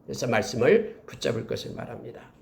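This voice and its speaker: A middle-aged man, a pastor preaching a sermon and addressing his congregation directly with animated emphasis. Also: mid-range voice, fast talker, vocal fry, a little hiss or hum.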